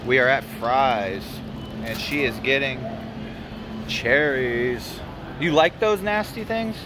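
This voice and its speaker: American man, casual vlog, handheld camera, mid pitch, joking crude banter, noisy recording. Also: takes it slowly. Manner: relaxed, crude, boastful joking. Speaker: retro game store owner. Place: store, parking lot and supermarket.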